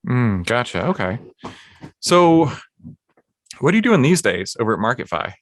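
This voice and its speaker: A Texan man with a matching accent hosts an interview, firing off friendly, quick questions with small repetitions. His mid-range voice has a sing-song quality, and there's no echo.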